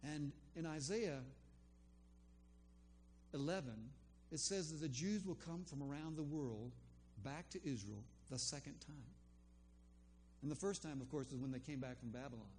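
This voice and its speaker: A fairly high-pitched, darkish male voice, unhurried at a moderate pace, comes through with a little hiss or hum. The older speaker gives a casual spoken testimony about a faith conversation, meandering with ums and restarts.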